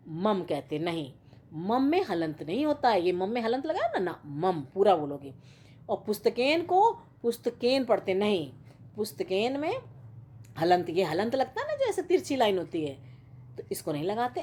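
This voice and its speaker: Woman teacher, patient and repetitive, animated sing-song delivery. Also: mid-range voice. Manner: patient, repeats and checks with "theek hai na". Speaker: Sanskrit teacher. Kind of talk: classroom lesson explaining grammar.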